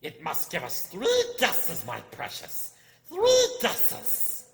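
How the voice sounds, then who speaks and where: Gollum, creaky hissing cave creature. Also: male voice, high voice, huge pitch swings, fairly bright tone, voice pushed up, heavily acted. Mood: bargaining. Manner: drawn-out, repetitive, theatrical. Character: nasty wretched slimy cave creature, wheedling and easily upset. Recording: echoey hall-like reverb.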